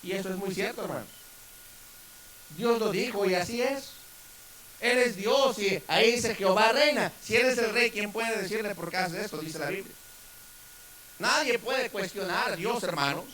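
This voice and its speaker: A man's voice: sits high, moderate pace, pushed and bright, echoey room, a little hiss or hum, low-quality recording. A man pastor preaching a fervent sermon to his congregation, often calling them brothers.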